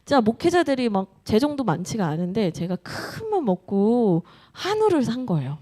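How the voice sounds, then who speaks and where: A woman pastor in her thirties preaches from a church sanctuary. Her voice sits fairly high and swings widely in pitch. She slips into playful quoted dialogue as she tells her story. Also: big pitch swings, normal speed, mellow. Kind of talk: sermon.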